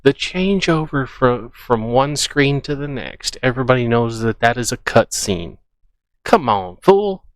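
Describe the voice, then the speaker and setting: A man's voice: medium pitch, measured pace, dry recording. A man hosting a reaction video, scoffing and skeptical as he picks apart a clip and repeats his points. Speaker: reaction channel host. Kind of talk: reaction commentary.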